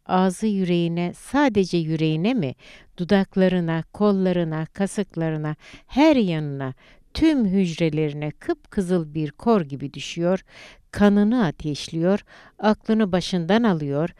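Alçak sesli, pürüzsüz bir kadın anlatıcı. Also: female voice, on the low side, animated, slow pace, dark tone, clean tone, no echo, clean studio sound. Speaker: audiobook narrator. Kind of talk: literary audiobook narration.

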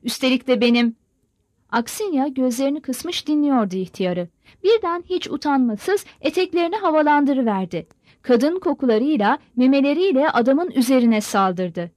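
A woman reading a novel aloud as an audiobook narrator, telling the story in an expressive, vivid way. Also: high voice, normal speed, no echo.

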